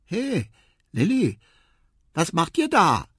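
A man voicing a curious, good-natured young male elephant in a children's radio story, with a lively, boyish voice. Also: sits high, slow pace, slightly rough, no room sound, studio quality, pitched above the performer's own voice, heavily acted.

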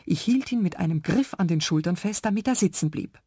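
Woman reading a children's story, lower voice. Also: lively intonation, brisk, dark tone, breathy edge, no echo, studio quality.

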